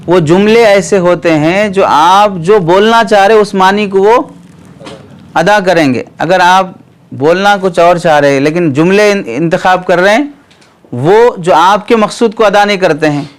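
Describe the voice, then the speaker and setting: A man teaching Arabic grammar, explaining step by step, asking students questions and often clearing his throat. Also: high voice, measured pace. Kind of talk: classroom lecture.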